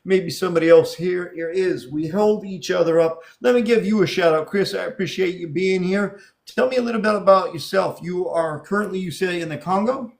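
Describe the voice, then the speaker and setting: Male live-show host, fairly high voice with heavy vocal fry, encouraging, casual, repeats himself for emphasis. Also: brisk, few pauses. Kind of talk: casual live hosting and interview.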